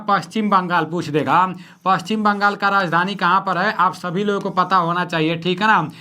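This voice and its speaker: A young man teaching exam questions at home at night, talking softly and repeating each question. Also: high voice. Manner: soft-spoken, repeats each question, frequent "theek hai na". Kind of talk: quiz-style exam lesson.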